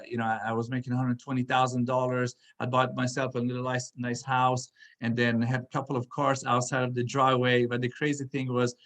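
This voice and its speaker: This speaker, born in Iran and brought up in Sweden, rambles through a relaxed motivational talk at a business event, full of fillers and false starts. He has a mid-range, somewhat bright voice.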